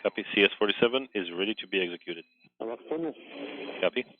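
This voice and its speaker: A lowish male voice comes through a thin, narrow-band mission radio loop. He makes flight control calls in a halting way, filling gaps with hesitations. The sound is boxed in and phone-like. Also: background noise. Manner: halting, with frequent fillers. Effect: tinny mission radio loop. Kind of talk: space-to-ground radio calls.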